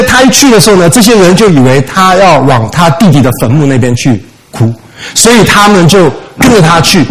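Man preaching an animated sermon. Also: on the high side, poor audio. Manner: animated storytelling, rhetorical questions, mixing in English words. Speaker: pastor.

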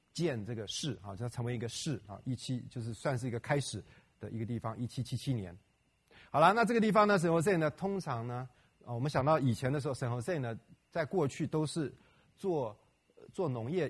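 Husky middle-aged man giving a church talk. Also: mid-range voice. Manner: conversational, with many fillers and rhetorical questions. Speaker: pastor. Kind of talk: church talk on local history and prayer.

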